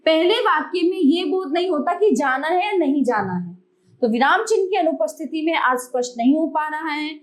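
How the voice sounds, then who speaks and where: Female teacher, high voice, patient explainer of grammar for young kids. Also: low-quality recording. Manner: addresses children warmly, explains slowly with examples. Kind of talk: grammar lesson for children.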